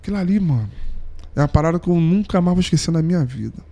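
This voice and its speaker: A young saxophonist appearing as a podcast guest tells an emotional personal story in a fairly high, mellow voice. He talks in an animated, rapid-fire, slangy and heartfelt way, like an unscripted chat among friends, dropping almost to a whisper at the tender moments.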